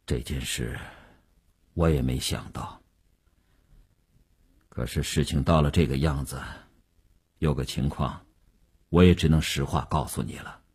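Man doing a shrewd, calm businessman. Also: a bass voice, unhurried, long pauses, breathy edge, pitched below the performer's own voice, full character voice. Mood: grave. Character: shrewd middle-aged male businessman, calm and persuasive.

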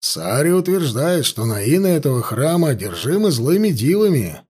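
Steady warrior, read by a man: measured and grave. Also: on the high side, slightly rough.

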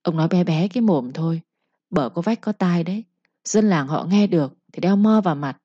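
A woman voicing a sharp-tongued village mother who nags and lectures her daughter in a told story. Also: fairly low pitch, lively intonation, brisk, husky, no echo. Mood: nagging. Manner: nagging, lecturing with proverbs. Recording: dull lo-fi recording.

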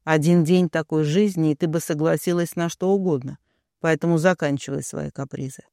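Cold, domineering father, read by a man; flat commands, high voice. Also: fairly quick, gravelly, dry recording, studio quality.

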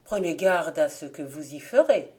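A shrewd duchess who speaks in a firm, mocking tone, as a woman reading the tale puts her on. Her voice sits fairly low, in a storybook legend. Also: lively intonation, normal speed, dark tone.

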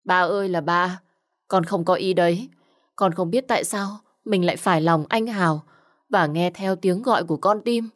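A woman's voice: fairly low pitch, normal speed, natural voice. A woman voicing a young woman who cries and pleads with her father in a spoken story. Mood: pleading. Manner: crying, pleading.

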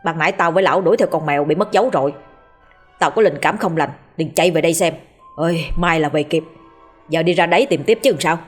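A woman voicing a calm, blunt young male exorcist who talks briskly and low. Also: husky, faint music behind. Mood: curt.

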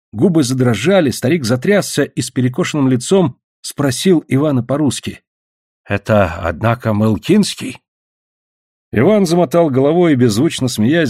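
Expressive male audiobook narrator. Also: mid-range voice, slightly rough, no room sound, clean studio sound. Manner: expressive reading, voicing characters.

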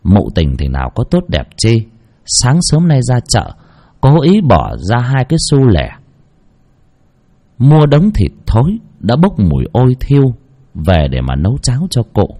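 A man narrating a ghost story in a dramatic, expressive way. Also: mid-range voice, measured pace.

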